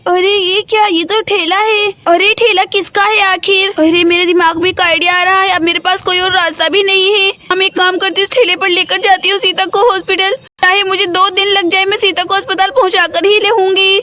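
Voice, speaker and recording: Woman doing a fretful mom doll, very high bright voice, keeps asking what to do, doll story. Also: little pitch movement, moderate pace, few pauses. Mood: anxious. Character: worried caring mother doll, young woman.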